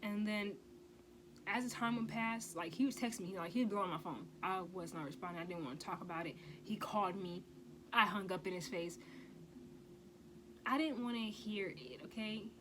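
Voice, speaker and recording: A woman's voice: medium pitch, moderate pace, fairly bright tone, slight background noise, poor audio. A woman telling a personal story in a casual vlog, emphatic and blunt, often stressing points with a rhetorical "okay?" and swearing freely. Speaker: vlogger.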